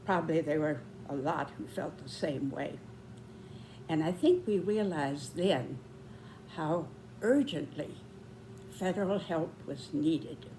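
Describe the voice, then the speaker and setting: Very old lady in her 90s talking real slow, kinda low voice, reflective commentary, bit of noise behind her. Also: mellow, poor audio. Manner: deliberate, measured phrasing with pauses. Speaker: vlogger giving commentary. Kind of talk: reflective spoken commentary on current events.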